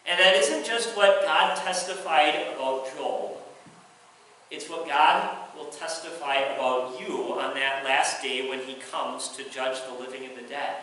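A young pastor preaches from the pulpit of a large church sanctuary in a mid-range, sharp-toned voice, fairly even in intonation and a little slow. He's earnest and repetitive in his emphasis. Picked up by a pulpit microphone and filmed from far below, the recording is very echoey and distant, with a little hiss or hum.

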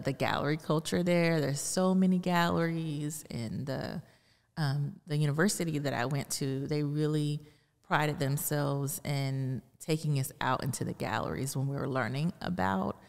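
A middle-aged American woman from Houston, Texas, an art curator appearing as an interview guest, gives casual, conversational answers in a low, creaky voice with a darkish tone at a normal pace. She's recorded indoors in an art gallery on a close podcast mic mounted on a boom arm, wearing headphones, and the room sounds reverberant.

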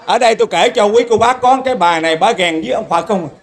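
A man's voice: sits high, fast. A man with a Southern Vietnamese accent giving a folksy sermon as a lay preacher, telling stories and often asking his listeners for agreement.

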